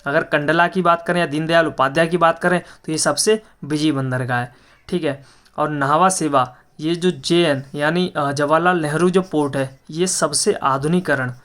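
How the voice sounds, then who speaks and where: A man's voice: fairly high pitch, a bit bright. A man teaching an exam-prep geography lesson, who asks each question and answers it himself, repeating facts with frequent hesitations.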